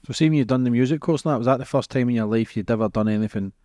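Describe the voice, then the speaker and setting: A man's voice: medium pitch, very fast, mellow, dry recording. A man working as an interviewer, putting questions in a casual, conversational way.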